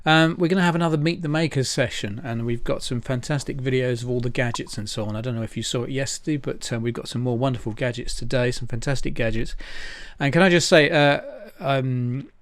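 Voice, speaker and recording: A man hosts an informal livestream as event host and presenter, rambling through announcements in a chatty, hesitant way. He speaks briskly at medium pitch.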